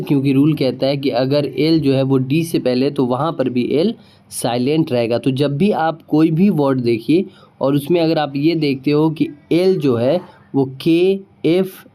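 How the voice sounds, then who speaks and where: Mellow-voiced male teacher quizzing himself. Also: a little high. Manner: rhetorical questions, answers them himself; checks understanding often. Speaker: English teacher. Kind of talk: explaining spelling rules.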